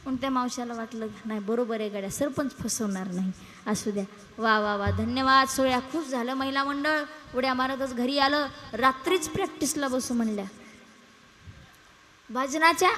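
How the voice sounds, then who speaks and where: High-voiced woman preaching a comic kirtan. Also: slight background noise. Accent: rural Marathwada Marathi. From Maharashtra. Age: young adult. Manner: animated storytelling, acting out village characters in quick dialogue. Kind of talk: comic devotional storytelling sermon. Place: live kirtan gathering. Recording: long hall reverb from a live stage.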